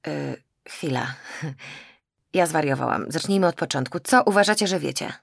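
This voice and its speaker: A woman's voice: low voice, lively intonation, normal speed, vocal fry, no echo, studio quality, exaggerated voice. A woman voicing an agitated, exasperated young woman in an audiobook, pleading and raising her voice. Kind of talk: audiobook character voice.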